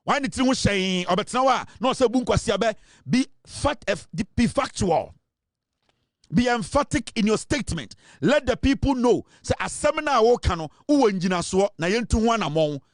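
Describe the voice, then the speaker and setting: A Ghanaian man giving a forceful, insistent monologue as a political commentator. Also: high voice, lively intonation, moderate pace, no room sound, clean studio sound. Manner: forceful, insistent, mixes English and Twi. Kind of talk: impassioned monologue.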